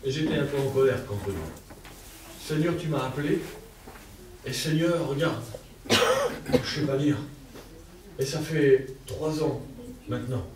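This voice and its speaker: A man's voice: a little high, slight background noise. A man preaching a heartfelt testimony sermon at a church service, with a stammer and simple, fervent speech. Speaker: lay preacher. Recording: distant echoey church hall sound.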